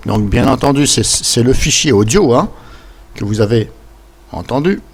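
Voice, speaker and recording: A man presenting a casual software tutorial with informal, rambling explanations. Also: mid-range voice, lively intonation, moderate pace, a little hiss or hum.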